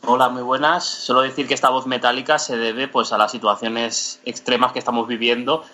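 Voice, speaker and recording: A man's voice: medium pitch, level tone, a little fast, pushed and bright. A man co-hosting a podcast over a video call, his voice sounding metallic through the line. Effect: metallic Skype call voice. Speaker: podcast co-host. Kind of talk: casual chat.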